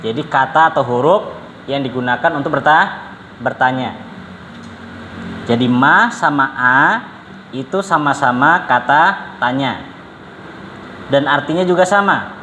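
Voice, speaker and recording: A man's voice: mid-range voice, measured pace, pauses often, pushed and bright. A man teaching an Arabic lesson to adults in a classroom, patiently drilling phrases and drawing out question intonation. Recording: echoey room with faint background noise.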